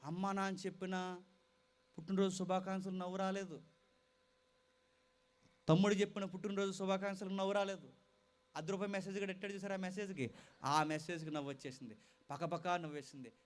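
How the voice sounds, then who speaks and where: High-voiced impassioned male preacher. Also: fairly even intonation, brisk, long pauses. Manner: impassioned, swings from loud exhortation to quiet storytelling; addresses listeners directly and repeats phrases for emphasis. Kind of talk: sermon with storytelling.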